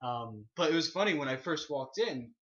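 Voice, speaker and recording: A man's voice: on the high side, lively intonation, normal speed, fairly bright tone. Hesitant man on a lo-fi podcast. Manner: hesitant, many ums and restarts, laughs while telling stories. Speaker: podcast co-host. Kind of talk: casual podcast chat.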